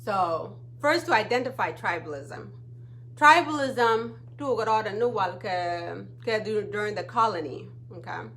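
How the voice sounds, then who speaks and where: A woman's voice: medium pitch, animated, a little slow, fairly bright tone, slight background noise. A woman from Ethiopia, hosting a casual live stream and often checking in with her viewers. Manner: chatty, often checks in with "okay?". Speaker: livestream talk show host.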